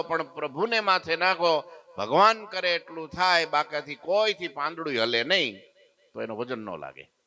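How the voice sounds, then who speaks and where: Bright-voiced preacher telling a story. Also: male voice, on the high side. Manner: animated storyteller, swings loud and soft, acts out quotes. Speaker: swami giving a scripture discourse. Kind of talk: devotional storytelling sermon. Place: temple hall.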